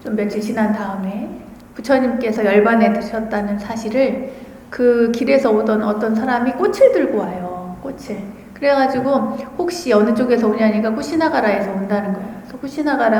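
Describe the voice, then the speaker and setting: A woman's voice: fairly high pitch, normal speed, mellow, slight background noise. A woman, a Buddhist nun, giving a dharma talk and telling a story, asking her audience questions as she goes. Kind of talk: sermon. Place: large temple dharma hall. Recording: echoey hall with long reverb.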